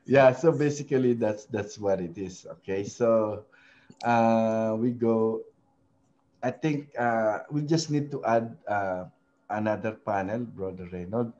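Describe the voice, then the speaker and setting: A man leads a relaxed screen-share tutorial, pausing often and checking in with tag questions. His voice is mellow and dark. The audio is dull and lo-fi. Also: fairly low pitch. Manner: hesitant, many fillers, frequent tag questions. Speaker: web design tutorial host. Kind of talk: casual screen-share tutorial in mixed Tagalog and English.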